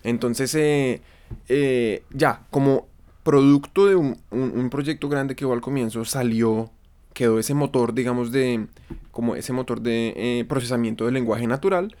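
Speaking unhurriedly in a mid-range, darkish voice with fairly even intonation, this Colombian-accented man is a guest on an interview. His storytelling is casual and slangy, laced with profanity and acted-out snippets of what people said.

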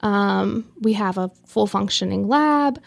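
A woman's voice: medium pitch, slow, vocal fry. A young woman from North Carolina, a health educator, answering interview questions in a friendly, explanatory way.

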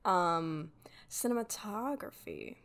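A young woman co-hosts a relaxed film podcast, thinking out loud and hedging with a few ums. Her voice sits on the lower side for a woman. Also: slow pace, vocal fry. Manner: thoughtful, hedging, with fillers. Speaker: podcast co-host. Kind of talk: casual film chat.

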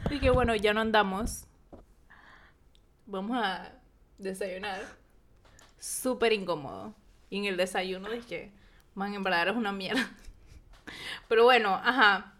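A woman's voice: medium pitch, a little slow, long pauses, fairly bright tone. A young woman co-hosting a casual podcast drinking game, dramatic and squeamish, dropping English slang into her Spanish. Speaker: podcast co-host.

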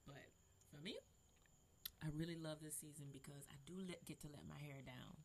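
A woman's voice: sits low, fairly even intonation, a little fast, a little mellow, a little hiss or hum. A woman chatting casually as a podcast co-host in a backyard at night, talking in an emphatic, slangy, colloquial way.

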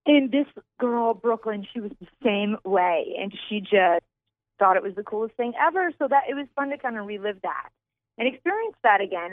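Young woman, from Louisville, tinny phone line, higher pitch, playful teasing guest. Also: no room sound. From Louisville, Kentucky, US. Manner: quick-witted, playful teasing. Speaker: TV news reporter, guest. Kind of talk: casual radio banter.

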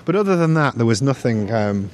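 A man's voice: medium pitch, very animated, fairly quick, a little mellow, a little hiss or hum. A man, a guest on an interview show, telling long stories with many restarts and easy laughs. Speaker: guest, researcher. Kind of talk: casual interview chat.

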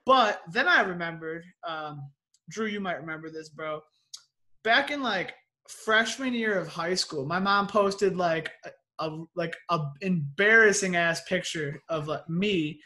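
A young man co-hosting a podcast, telling stories in an animated, casual way, peppered with "bro" and "like". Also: sits high, measured pace. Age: young adult. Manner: animated storyteller, says bro and like a lot. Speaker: podcast co-host. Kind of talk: casual chat.

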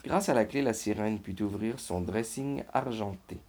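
A man reading a children's picture book aloud in a slow, expressive storytelling manner. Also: on the low side. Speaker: reader.

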